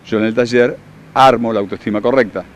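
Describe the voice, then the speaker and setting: Un hombre con acento argentino que da talleres y explica con tono seguro, didáctico y enfático. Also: male voice, medium pitch, steady tone, brisk. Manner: confident, instructive, emphatic. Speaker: workshop leader and therapist. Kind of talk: explanatory interview answers.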